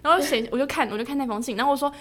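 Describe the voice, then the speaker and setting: A woman's voice: sits high, racing. A young woman co-hosting a podcast, telling a story in casual chat and laughing often. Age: young adult. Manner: animated storytelling with lots of laughter. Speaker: podcast co-host.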